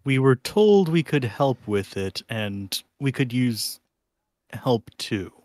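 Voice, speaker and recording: A man's voice: mid-range voice, big pitch swings, takes it slowly, a little mellow, no echo. A man playing a tabletop game, joking and laughing with the table. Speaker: player. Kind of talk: tabletop role-play.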